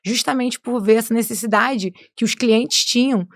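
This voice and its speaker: A woman's voice: a little high, moderate pace, dry recording, clean studio sound. A woman, chatting as a guest on a podcast, tagging her sentences with "né?". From Rio de Janeiro state, Brazil. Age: 20s. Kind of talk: casual podcast conversation.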